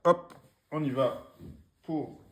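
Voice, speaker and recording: A man's voice: on the high side, extremely slow, background noise. A man teaching Quran reading in during a live online lesson, patiently sounding out syllables again and again.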